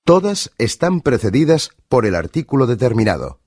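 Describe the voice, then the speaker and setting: A man's voice: medium pitch, big pitch swings, normal speed, darkish tone, dry recording, studio quality. Spanish man narrating a language lesson. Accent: Spain Spanish. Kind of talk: scripted instructional narration.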